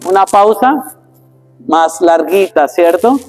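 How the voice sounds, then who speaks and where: A priest, teaching a workshop for church readers and often checking in with rhetorical questions. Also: male voice, high voice, lively intonation, takes it slowly, darkish tone, soft background music. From Colombia. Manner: explanatory, asks the audience rhetorical questions.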